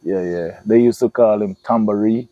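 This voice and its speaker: A middle-aged man, a football coach, chatting in an interview in a relaxed, hesitant way with many pauses. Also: on the low side, no room sound, phone-quality sound. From Jamaica. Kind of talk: casual interview chat.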